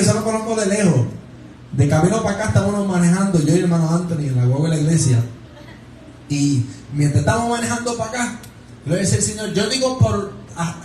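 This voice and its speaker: A man's voice: high voice, darkish tone. Male preacher, folksy storytelling, recorded from a distance in a very echoey sanctuary with faint noise. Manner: storytelling preaching with frequent "gloria al Señor" and "¿verdad?". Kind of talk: sermon. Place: church sanctuary. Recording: very echoey church from far off.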